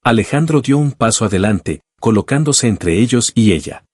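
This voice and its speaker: A man narrating a scripted story in an even, measured reading. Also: medium pitch, breathy edge, no room sound, studio quality.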